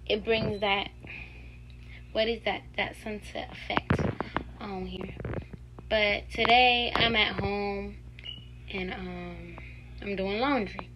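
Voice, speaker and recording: Young woman vlogger, unhurried rambling chat on a handheld phone, loud background noise. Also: mid-range voice. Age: young adult. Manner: relaxed, rambling, with filler words. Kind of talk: casual vlog chat. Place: home, kitchen and bedroom indoors. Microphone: phone held at arm's length.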